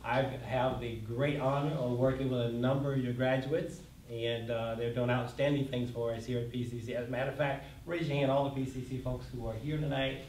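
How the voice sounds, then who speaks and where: Older man giving a relaxed lecture. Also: medium pitch, a little fast, hardly any pauses. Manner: relaxed, conversational, joking, with many fillers. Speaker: community college president, guest speaker. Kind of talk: informal lecture address. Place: lecture hall with an audience. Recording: echoey hall, mic from far off, faint noise.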